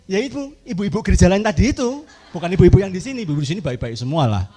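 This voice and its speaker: A middle-aged pastor with a Javanese-tinged Indonesian accent speaks very fast at a women's camp, delivering a humorous, lively sermon. He acts out congregants in high voices and mixes Javanese words into his talk.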